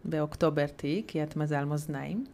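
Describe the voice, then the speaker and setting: A woman's voice: low voice, steady tone, warm tone. A middle-aged woman from Hungary, a native Hungarian speaker, chatting casually as a podcast co-host and searching for words as she goes. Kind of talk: casual chat.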